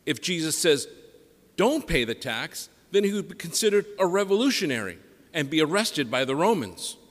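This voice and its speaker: Priest preaching in cathedral-like echo. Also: male voice, fairly high pitch, sing-song, fairly bright tone. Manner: measured, solemn, deliberate public delivery. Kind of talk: gospel reading and homily. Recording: echoing church, long reverb.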